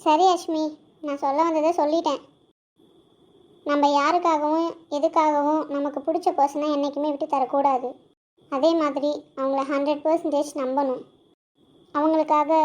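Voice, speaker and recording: A young woman voicing a girl's calm, lecturing inner conscience in an amateur audio drama. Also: high-pitched, pitched below the performer's own voice, lightly acted. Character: gentle, wise female inner conscience. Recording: dull, lo-fi recording.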